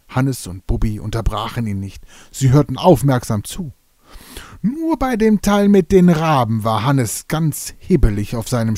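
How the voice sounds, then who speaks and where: A man narrating a children's storybook tale in an animated, playful way. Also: mid-range voice, no echo.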